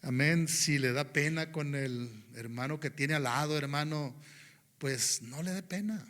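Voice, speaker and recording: Preacher guy, bright ringing voice a bit on the high side, goes soft then loud. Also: a little slow. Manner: rhythmic preaching, often inserts "hermano, ¿verdad?" and "Amén"; swings from soft and low to loud, high exclamations. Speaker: pastor. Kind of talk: sermon.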